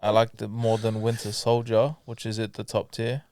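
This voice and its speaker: A man's voice: on the low side, completely flat delivery, moderate pace, a little mellow, no room sound, clean studio sound. A man co-hosting a casual podcast chat, hesitant and searching for words. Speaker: podcast co-host.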